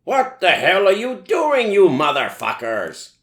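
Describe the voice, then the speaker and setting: Man playing a furious pompous old wizard headmaster, shouting. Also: high voice, huge pitch swings, unhurried, echoey room, voice pushed up, full character voice. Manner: shouting, haughty, indignant.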